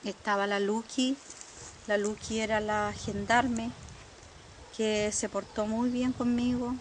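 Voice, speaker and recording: An older woman with a Chilean accent gives documentary testimony as a survivor, earnest and halting, with pauses and repetitions. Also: a little high, level tone, a little hiss or hum.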